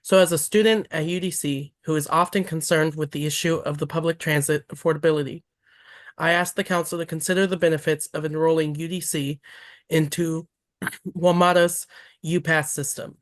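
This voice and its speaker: A man's voice: fairly high pitch, steady tone, normal speed, dry recording, studio quality. A young man, a student, reading prepared testimony at a hearing in a plain, matter-of-fact and polite way. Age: young adult.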